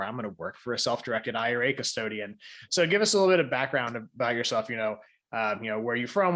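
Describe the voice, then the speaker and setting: A man hosting a podcast, chatting at an ordinary mid pitch. He is loose and conversational and leans on fillers as he sets up his questions. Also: a bit bright. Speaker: podcast host. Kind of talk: podcast interview and scripted explainer segments.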